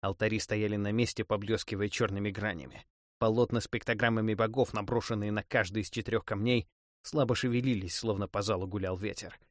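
A man narrating a first-person fantasy audiobook in a dramatic, expressive reading. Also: on the low side, brisk, no echo, clean studio sound.

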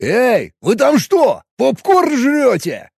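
A man's voice: a little high, big pitch swings, measured pace, a little mellow, breathy edge, no echo, studio quality, heavily acted. A man voicing a nervous, whiny young man in an audiobook, anxious and given to outcries. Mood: indignant. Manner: anxious, mournful, cries out. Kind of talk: audiobook character voice.

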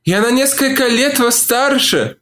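A man's voice: extremely high pitch, expressive, unhurried, bright, forceful tone, pitched above the performer's own voice, full character voice. A man reading an audiobook, voicing a grief-stricken, weeping woman who moans and pleads through her tears. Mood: moaning. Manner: moaning, tearful pleading.

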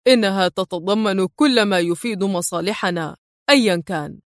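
A woman's voice: mid-range voice, normal speed, no room sound, clean studio sound, close to an everyday voice. Cold young interrogator, as a woman reads him. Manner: curt and cold. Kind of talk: audiobook character reading.

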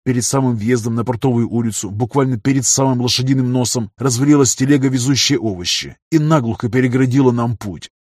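A man narrating a first-person fantasy audiobook in a measured, even reading. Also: mid-range voice, dry recording, studio quality.

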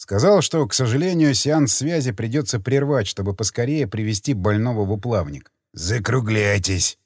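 Expressive male audiobook narrator. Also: mid-range voice, a little fast, no room sound, clean studio sound. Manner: expressive, tense storytelling. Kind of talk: dramatic first-person narration.

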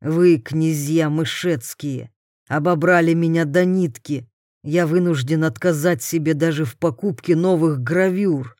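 A tearful, self-pitying husband, as a woman puts him on in a lowered voice. He whines over his losses and lashes out in shrill, bitter bursts. It is heard close and dry, with slow, dragged phrasing. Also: a little mellow, no echo. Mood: aggrieved. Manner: whining, then shrill outbursts. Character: petty ruined husband, weak, tearful, self-pitying man.

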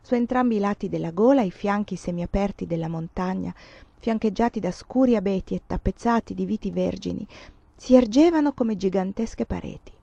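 Mellow woman reading a classic novel. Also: mid-range voice, brisk, vocal fry, dry recording, muffled recording. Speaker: audiobook reader. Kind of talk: literary audiobook narration.

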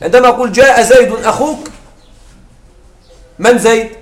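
High-voiced male teacher in an echoey classroom. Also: normal speed. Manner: explains with repeated examples and checks understanding with questions. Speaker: Arabic grammar teacher. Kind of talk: classroom lecture. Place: classroom with students.

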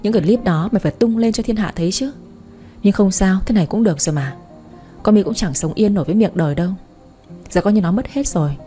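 Storybook figure: blunt, scornful young woman friend, read by a woman, mellow voice. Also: mid-range voice, quick pace, faint music behind, lightly acted.

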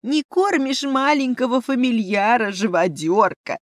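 A cheeky, grumpy little male winged mouse familiar, as a woman reader puts him on. He drawls slowly and sarcastically in a storybook voice that swings up and down. The recording is dry and close. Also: medium pitch, very animated, no echo. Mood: sulky.

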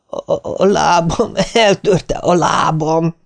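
A man reading an audiobook, voicing a chained, cowardly man who screams drawn-out curses. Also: deep voice, warm tone. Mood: raging.

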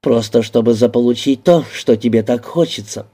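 A defiant young woman, scared but snapping back with sharp, indignant retorts, as a male reader puts her on. The voice stays very dark and mellow beneath a slightly raised pitch, the way an audiobook reader would shade a character. Her lines come in short bursts that are often cut off. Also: moderate pace, close to an everyday voice. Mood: distrustful. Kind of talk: audiobook reading.

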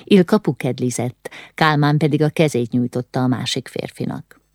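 A woman narrating a historical novel as an audiobook in an even storytelling delivery. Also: very deep voice, dry recording, clean studio sound.

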